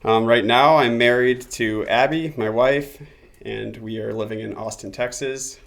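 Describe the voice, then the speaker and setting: A man's voice: mid-range voice, a little slow, gravelly, a bit bright. A young man in his twenties from the American Midwest, a podcast guest chatting casually and joking. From Midwestern United States. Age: 20s. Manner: joking, laughs while talking. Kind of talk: casual chat.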